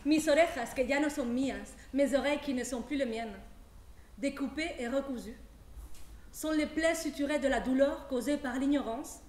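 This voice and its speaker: A woman giving a measured, poetic theatrical monologue on stage. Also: sits high, darkish tone, reverberant. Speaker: stage performer.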